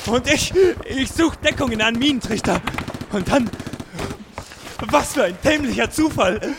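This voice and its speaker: An actor playing a haunted, guilt-ridden army doctor, narrating his own memories in a brooding, slow audio drama monologue. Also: extremely high pitch, vocal fry, background noise, exaggerated voice. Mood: bitter. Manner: brooding, slow inner monologue, breaking into desperate pleading. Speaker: army doctor in a hospital train.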